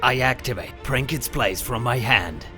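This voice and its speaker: In a fan audio drama, a man voices a determined, brooding hero duelist who is kind to his companions, sounding focused, commanding, earnest and resolute. His mid-range voice is close to an everyday one and moves at a measured pace, with music behind it.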